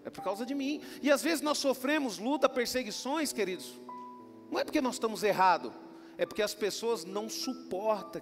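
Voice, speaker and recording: A Brazilian man preaches with a fairly high voice and jumps from loud rises to quiet drops. His voice rings out in a large church hall over steady music. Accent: Brazilian Portuguese. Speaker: pastor. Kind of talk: sermon. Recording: roomy hall with music behind. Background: music playing.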